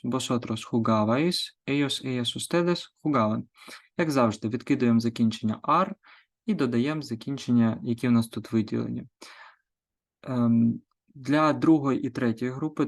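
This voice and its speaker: A man at a mid pitch explaining grammar as a teacher. He reads each example slowly and clearly, then translates it. His delivery is steady and methodical, like a classroom walkthrough. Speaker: Spanish teacher.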